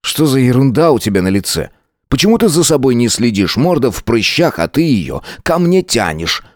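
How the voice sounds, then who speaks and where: A man's voice: medium pitch, very animated, normal speed, no room sound, clean studio sound, pitched above the performer's own voice, natural voice. A man voicing a selfish, whining young man in an audiobook, sneering and contemptuous. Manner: sneering, whiny. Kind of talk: audiobook character reading.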